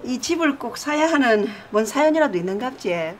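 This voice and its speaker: An actress playing a blunt, nosy middle-aged homeowner in a film scene. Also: female voice, sits high, expressive, fairly quick, slight background noise. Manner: chatty, brusque.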